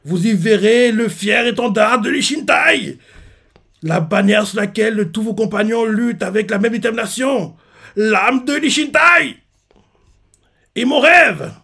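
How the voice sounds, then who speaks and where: A man voicing a young male army captain giving a rousing, shouted speech to his troops. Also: high-pitched, expressive, unhurried, vocal fry, breathy edge, pitched above the performer's own voice, exaggerated voice.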